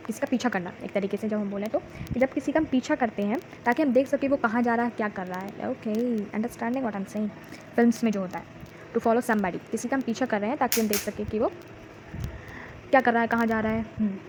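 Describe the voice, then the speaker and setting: A woman's voice: fairly high pitch, a little mellow, low-quality recording. A woman teacher with an Indian accent, working through a textbook exercise and drilling words aloud for children. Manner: explains each word slowly, reads English lines aloud and drills them. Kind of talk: textbook exercise lesson, Hindi mixed with English. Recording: faint background noise.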